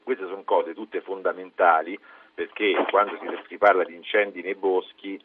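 A man's voice: sits low, fairly even intonation, moderate pace, dry recording. A man speaking as a journalist guest in a radio interview, explaining hesitantly and searching for words. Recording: narrow phone-like line, dry.

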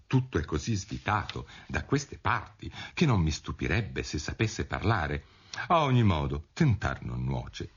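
Man doing a chatty young girl, raised voice, eager and soothing, lively pitch, storybook reading, muffled radio sound. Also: unhurried, breathy edge, heavily acted. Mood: musing. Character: chatty, well-meaning young girl Alice. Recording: dull radio recording.

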